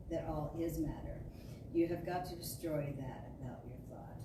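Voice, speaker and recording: A woman with a low voice reads a spiritual talk in a storyteller's manner: a dramatic, emphatic, declarative take on a metaphysical sermon, phrased deliberately. She is in a large indoor room at a spiritual center, and the far-off recording is echoey and noisy.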